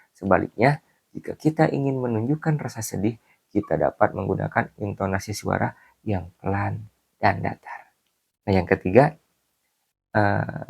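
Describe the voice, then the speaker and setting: A man with a low voice and a gravelly, creaky edge talks through a video lesson for young pupils. He explains each point calmly and steadily, pausing often on small fillers as he moves between points. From Indonesia. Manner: calm explaining tone with frequent fillers. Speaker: teacher.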